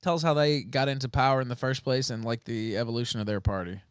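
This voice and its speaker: A male host casually asking a guest questions, halting and restarting with fillers. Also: mid-range voice, steady tone, clear, resonant tone, no room sound.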